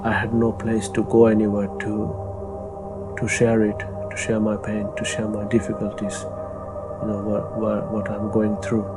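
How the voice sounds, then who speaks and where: A young man, telling his own story in a halting, soft-spoken way with many pauses and restarts. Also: lowish voice, completely flat delivery, loud music behind the voice. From Bangladesh. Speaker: interviewee. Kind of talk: personal testimony.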